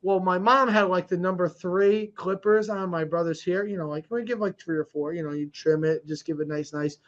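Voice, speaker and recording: Rambling high-voiced storytelling man. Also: fairly even intonation, a little fast. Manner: rambling storyteller, laughs often. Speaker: podcast co-host. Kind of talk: casual chat. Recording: dull lo-fi audio.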